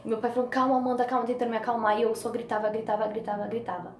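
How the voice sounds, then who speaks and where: Brazilian woman vlogger, high and fast, animated testimony storytelling, roomy echo. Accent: Brazilian Portuguese. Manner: animated, acts out voices and screams from the story. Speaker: vlogger telling a personal testimony. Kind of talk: personal storytelling. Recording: echoey room with faint noise.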